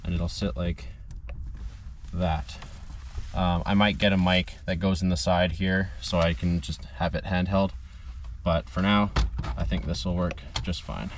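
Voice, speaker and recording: This DIY car host, a young adult man, talks at a measured pace in a low, level voice. He works on a parked car outdoors, in and beside it, casually explaining each step of the job. Vehicle ambience and clear background noise come through on the recording.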